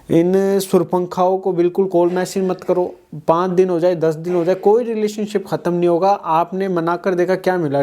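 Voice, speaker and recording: Blunt, scolding man with a high voice. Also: mellow. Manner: blunt, scolding, uses crude slang. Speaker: relationship advice vlogger. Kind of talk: blunt advice monologue.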